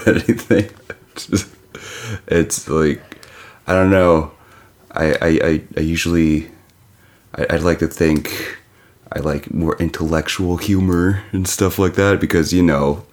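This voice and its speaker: A man telling a casual anecdote in a hesitant way, often stammering and restarting. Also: rumbling low.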